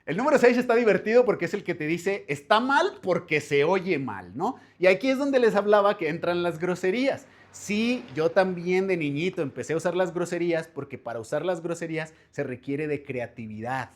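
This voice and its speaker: Chatty Mexican man, a bit high. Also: brisk, few pauses. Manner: animated, chatty, uses slang, rhetorical questions. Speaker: language teacher and bookshop channel host. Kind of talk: casual book review to camera.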